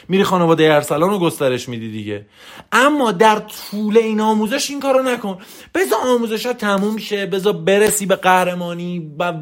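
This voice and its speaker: A man giving a motivational coaching talk in a voice message, emphatic and preachy, hammering points home through repetition. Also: high voice.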